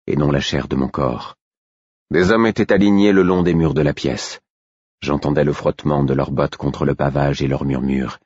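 A man reading a first-person story aloud in a measured, grave narration. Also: rumbling low, darkish tone, husky, no echo. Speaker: audiobook narrator. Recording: dry, slightly dull recording.

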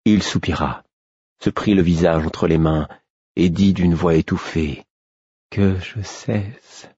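A man narrating a first-person audiobook in a slow, grave, weary way. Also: low-pitched, steady tone, a little mellow, breathy edge, no echo, muffled recording.

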